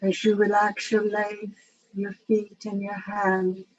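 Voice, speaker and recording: A female meditation guide speaks very slowly and soothingly, with low variation and a completely flat delivery. The recording is slightly dull with faint noise.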